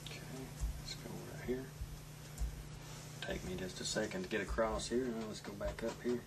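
A middle-aged man giving a step-by-step painting demonstration as a gentle, unhurried instructor, talking in short soft phrases while he works. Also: lowish voice. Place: indoor dark studio, standing at easel. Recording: loud noise behind the voice.

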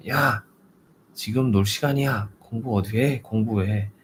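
A man's voice: fairly low pitch, measured pace, slight background noise, pitched above the performer's own voice, natural voice. A man voicing a pushy male spirit that clings to a person and goads him, taunting and egging him on. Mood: goading. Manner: taunting, egging on with nagging tags.

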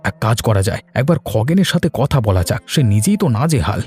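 A man voicing a village man in a cartoon who plots against a troublesome aunt, talking in a brisk, plotting way. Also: medium pitch, sing-song, darkish tone, soft background music, close to an everyday voice. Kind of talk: cartoon voice acting.

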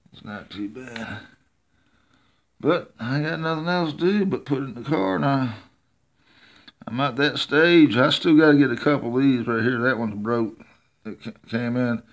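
Rambling man in his garage. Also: medium pitch. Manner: rambling, folksy, thinks aloud with many uhs. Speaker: home mechanic vlogger. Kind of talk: casual workshop vlog. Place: home garage with engine on a stand. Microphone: handheld phone camera.

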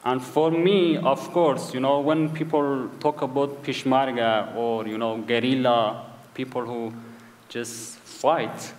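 Here a Kurdish-accented author guest from Iranian Kurdistan answers questions in a conversational stage interview, using English as his second language. His mid-range, somewhat dark voice keeps fairly even intonation, though he halts, hunts for English words, and repeats himself. The live event's hall reverb is audible.

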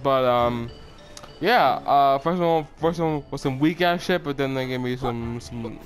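A man's voice: medium pitch, measured pace. Slightly slurred man, numb from the dentist. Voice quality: slightly slurred speech from a numb mouth after dental shots. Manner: rambling, repetitive, profane. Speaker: video game player hosting an episode series. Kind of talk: casual gameplay commentary. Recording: game music behind the voice. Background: video game music.

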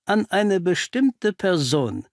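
A man's voice: sits high, very animated, takes it slowly, a little mellow, no echo, studio quality, pitched above the performer's own voice, full character voice. A man reading an audiobook, voicing a confident, cheerful male detective who talks in a teasing, cryptic way. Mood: knowing. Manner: teasing, cryptic, self-assured. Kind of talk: audiobook character voice.

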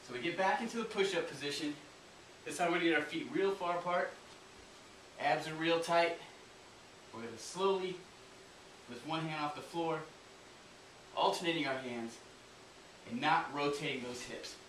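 A man's voice: fairly high pitch, moderate pace, fairly bright tone, distant mic. A man working as a fitness trainer, talking through a home workout with coaching cues. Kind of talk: workout instruction. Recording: roomy echo, off-mic, faint hiss.

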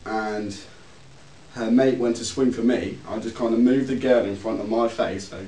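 A man's voice: fairly low pitch, steady tone, moderate pace, warm tone. A young man from England, one of the vloggers, telling crude, laughing stories in casual chat with friends. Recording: echoey room, far from the mic, faint hiss.

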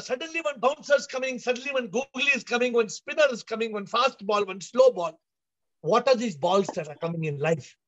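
Man, high voice, emphatic spiritual teacher, repetitive phrasing, dull video-call audio. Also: fairly bright tone, no echo. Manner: emphatic, repeats phrases for effect. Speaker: spiritual teacher leading an online discussion. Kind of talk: spiritual discourse with questions to listeners.

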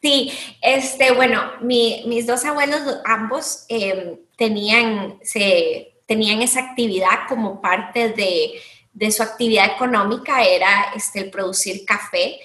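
Over a webcam from an echoey room at home, a Costa Rican businesswoman earnestly answers an interviewer as a guest. She speaks a little slowly in a high-leaning, sharp-toned voice, restarting her sentences often and filling pauses.

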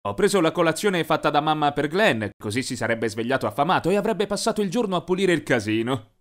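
A man narrating an animated teen story in a lively, mischievous storytelling voice. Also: on the high side, fast.

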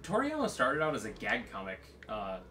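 A man's voice: mid-range voice, huge pitch swings, normal speed, pushed and bright, slight background noise. A man co-hosting a game let's play in casual, laid-back chat with many fillers.

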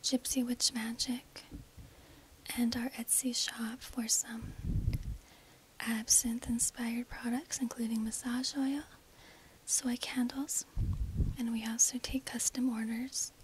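A woman narrating a script in a breathy, unvoiced ASMR whisper, measured and deliberate, close on a binaural microphone. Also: a little high, flat delivery, slight background noise, poor audio. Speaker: narrator of an ASMR history video.

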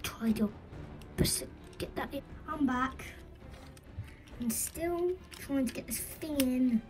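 A high, voice in a casual, unscripted toy review, rambling and halting with self-corrections. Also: darkish tone. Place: indoors, small tabletop green-screen setup. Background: music, occasional scratching from headphones.

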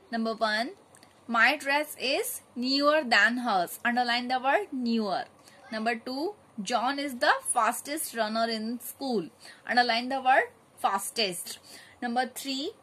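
A woman teacher going through a grammar exercise, reading each sentence and then calmly telling the children which words to underline. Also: a little high, slightly rough, poor audio. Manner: steady, methodical dictation of exercise answers. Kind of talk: grammar lesson, reading out answers.

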